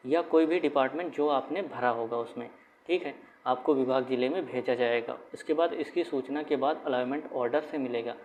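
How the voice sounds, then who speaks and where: A man's voice: medium pitch, a little mellow. A man giving an informal explainer for exam candidates, talking conversationally, often repeating himself and restarting his phrases. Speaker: exam guidance YouTuber. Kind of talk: casual explainer talk to camera. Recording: dull lo-fi sound with faint room noise.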